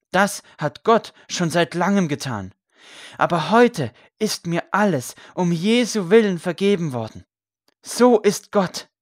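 A man voicing a gaunt condemned priest who preaches loudly to a crowd. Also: high-pitched, no room sound, studio quality, voice pushed up. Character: gaunt condemned male priest, fervent and forgiving.

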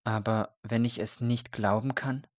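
A man's voice: mid-range voice, steady tone, a little slow, no room sound, clean studio sound, lightly acted. A man voicing a condemned male prisoner who speaks in a hesitant, doubtful way.

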